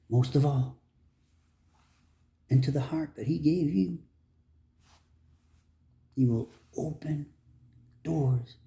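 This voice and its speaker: A man giving an earnest motivational monologue, preachy and heartfelt, swinging between emphatic bursts and soft lines. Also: mid-range voice, vocal fry. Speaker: motivational speaker.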